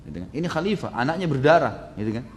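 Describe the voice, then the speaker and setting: A male Islamic preacher giving a storytelling sermon, acting out quoted characters with lively shifts and frequent tag questions. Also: medium pitch, quick pace, a little hiss or hum. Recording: long reverb of a large hall.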